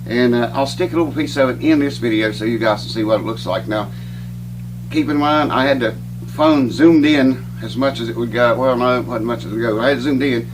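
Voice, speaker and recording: A man's voice: medium pitch, a little fast, music in the background. A middle-aged man chatting casually to his viewers, folksy and rambling and out of breath. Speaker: vlogger. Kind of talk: casual chat to camera. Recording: distant mic with clear hum.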